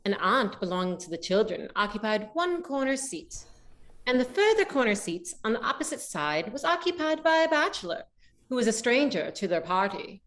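A woman narrating a story aloud in a measured, expressive way. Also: fairly high pitch.

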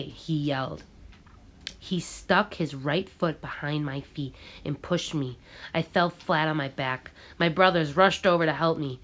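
A woman reading a novel aloud in a measured, expressive way. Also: deep voice. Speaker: audiobook reader.

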